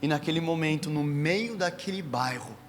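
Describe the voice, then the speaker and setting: A Brazilian man with a Brazilian Portuguese accent, preaching a sermon to a live audience, telling stories in a lively, chatty way and speaking straight to the crowd. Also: a little high, moderate pace. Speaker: pastor. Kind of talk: sermon with personal storytelling. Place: church hall with live audience. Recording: reverberant hall with faint music.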